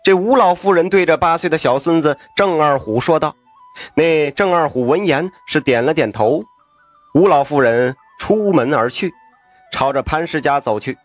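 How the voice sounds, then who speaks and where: A man telling a story in a traditional storytelling style, lively with folksy asides and exclamations. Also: on the high side, moderate pace, dry recording, soft background music.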